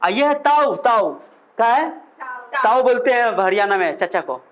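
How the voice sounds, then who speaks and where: Male physics teacher, high-pitched, coaxing lecture delivery. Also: moderate pace. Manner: lively, coaxing, quizzes students with questions. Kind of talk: classroom lecture.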